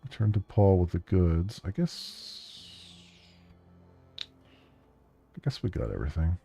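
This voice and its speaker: A man's voice: low-pitched, very animated, slow, vocal fry, dark tone, soft background music. A male streamer reading game text aloud during a let's-play, with casual, hesitant asides.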